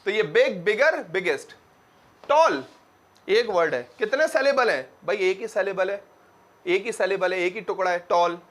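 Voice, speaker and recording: A young man teaching grammar to a class, asking questions and answering them himself, and repeating words slowly to drill them. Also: sits high, expressive, fairly bright tone. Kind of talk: classroom lecture.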